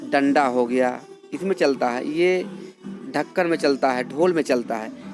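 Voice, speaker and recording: A man teaching Hindi grammar, explaining step by step and asking and answering his own questions. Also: on the high side. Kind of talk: classroom lesson.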